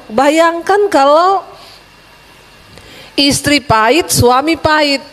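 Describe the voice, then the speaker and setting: A middle-aged woman pastor preaching a sermon in a lively, humorous way with sudden animated rises. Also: high voice, in a large hall.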